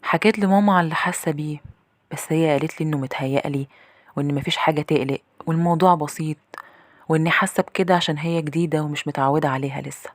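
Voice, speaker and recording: A woman's voice: low-pitched, rapid-fire, no echo. A woman with an Egyptian accent narrating a first-person horror story in a tense, confiding way. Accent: Egyptian Arabic.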